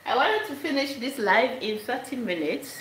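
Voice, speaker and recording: A woman's voice: on the high side, big pitch swings, normal speed, a bit bright, roomy sound, rough recording. A woman chatting casually while she cooks live in her home kitchen, laughing often and slipping into Italian phrases. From Sierra Leone. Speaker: cooking vlogger. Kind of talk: casual live cook-along chat. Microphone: camera above the stove.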